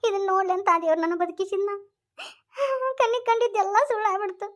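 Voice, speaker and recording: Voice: quick pace, fairly bright tone. A voice actor playing a grieving village mother with a North Karnataka accent, crying and pleading. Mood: distraught. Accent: North Karnataka Kannada. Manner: high-pitched, sobbing and pleading. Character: grieving middle-aged village mother, distraught.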